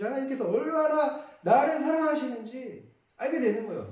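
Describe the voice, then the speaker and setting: A male pastor delivering an emphatic sermon full of rhetorical questions, heard from a distance in an echoey church. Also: extremely high pitch.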